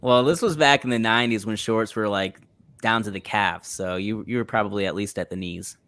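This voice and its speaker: A man's voice: fairly low pitch, brisk, a bit bright. A man hosting a podcast, asking easygoing questions and cracking jokes. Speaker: podcast host. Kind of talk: casual interview.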